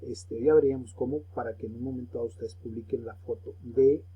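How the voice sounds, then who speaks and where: A man's voice: medium pitch, steady tone, fast talker, slightly rough, highs cut off. A man teaching a recorded remote lesson, patiently explaining step by step and repeating phrases for pupils to echo.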